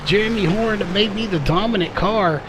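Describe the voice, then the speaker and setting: Against background noise, a high-voiced man calls a race live at a normal speed. He keeps stumbling into fillers and correcting himself, and his slightly fading voice sounds a bit worn.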